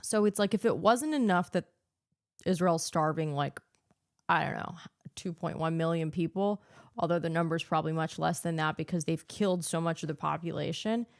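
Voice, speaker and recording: A woman's voice: low voice, normal speed, dry recording, studio quality. A woman from the United States hosting a podcast, delivering an earnest, ranting political monologue full of filler words. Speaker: podcast host.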